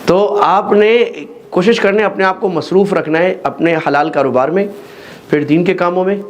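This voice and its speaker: Man, preacher, earnest sermon, slightly high voice, mixes in English, faint background hiss. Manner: mixes English phrases into Urdu, earnest exhorting. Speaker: mufti preacher.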